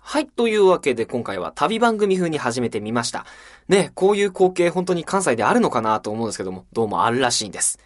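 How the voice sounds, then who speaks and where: A man from Saitama, Japan, hosting a podcast that introduces new books, talking quickly in an easy, chatty way. He peppers his speech with fillers. His mid-pitched voice leaps up and down with lots of animation. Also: very animated. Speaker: book podcast host.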